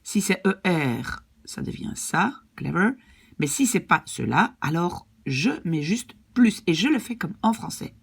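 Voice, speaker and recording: A woman's voice: lowish voice, sing-song, measured pace, creaky, slightly rough. A woman language teacher patiently explaining grammar rules and often checking that her students follow.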